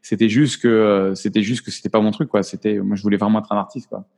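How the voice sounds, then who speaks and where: A man's voice: on the low side, steady tone, quick pace, vocal fry, darkish tone. A man in his forties, a photographer and actor, chatting openly as an interview guest and often restarting his words. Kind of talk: casual interview chat.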